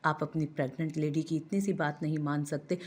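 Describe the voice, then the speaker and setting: Woman narrator doing a pushy pregnant young wife, low voice, audio novel. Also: steady tone, brisk, darkish tone, breathy edge. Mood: tearful. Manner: insistent, whiny.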